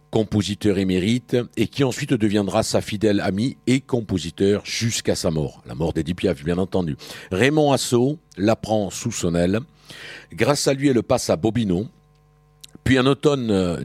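A man hosting a music radio segment speaks in a low, slightly husky voice. He reads dates and facts at a measured pace, pausing briefly now and then. The sound is dry and close, with no room around it. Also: darkish tone, no room sound. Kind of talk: scripted radio narration about songs.

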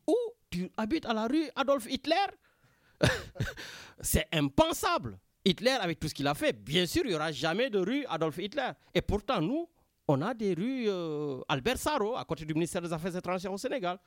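A man with a Senegalese French accent hosts a radio talk show with animated, rambling commentary. His voice sits a touch high and swings widely in pitch as he repeats points for emphasis. The recording is close and dry. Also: a little fast, no echo. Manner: animated, repeats himself, addresses Richard often. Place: Marseille.

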